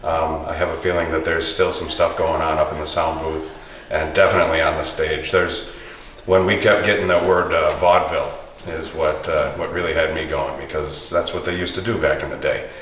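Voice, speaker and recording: A man's voice: extremely low pitch, steady tone, a little fast, hardly any pauses, fairly bright tone, a little hiss or hum. A man investigator talking eagerly and a bit ramblingly about the night's activity. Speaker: paranormal investigator. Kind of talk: casual reflection to camera. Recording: echoey room, distant mic, faint ambience.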